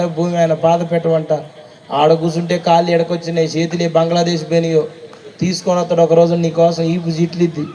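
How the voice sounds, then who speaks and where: High-pitched preacher teasing his crowd. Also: slight background noise. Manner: teasing, mocking the congregation, rising to shouts. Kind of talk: revival sermon. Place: outdoor revival meeting.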